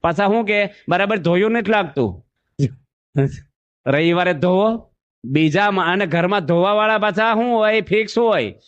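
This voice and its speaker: A man's voice: high voice, moderate pace, fairly bright tone, clean tone. A man giving a folksy sermon, telling stories, acting out voices and asking the audience questions. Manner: storytelling, asks the audience questions, acts out voices. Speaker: monk preacher. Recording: dull lo-fi recording.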